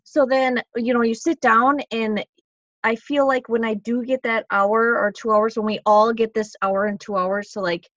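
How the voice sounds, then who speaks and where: A woman's voice: fairly high pitch, steady tone, moderate pace, a bit bright, no echo. A woman and mother of four, co-leading a meeting in a rambling, casual way, correcting herself and swearing offhand. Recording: dull lo-fi call audio.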